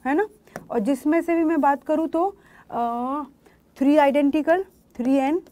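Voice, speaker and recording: A woman's voice: sits high, measured pace, dark tone. A woman teaching a maths lesson online. She works through each step and keeps checking that students follow. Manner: explains step by step, mixes English terms, checks if students follow.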